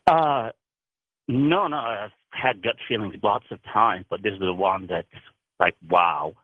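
Male phone caller from Canada, low and husky, tinny line, earnest storyteller. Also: measured pace, dry recording. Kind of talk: telling a personal story on a call-in show.

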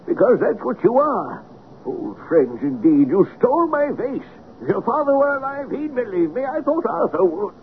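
A frail old man in a radio drama, with a very high, swooping voice. He is agitated and desperate, stammering and repeating himself. The sound is thin and phone-like. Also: very animated, normal speed, exaggerated voice. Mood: outraged, agitated. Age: older. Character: desperate, furious, frail old man, long-time family friend. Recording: muffled phone-like sound, faint noise.

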